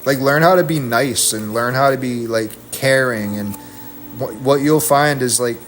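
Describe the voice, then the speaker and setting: A man's voice: medium pitch, measured pace, a bit bright, soft background music. A man streaming from home, delivering a heated, profane, rambling rant into a desk mic. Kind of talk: ranting stream talk.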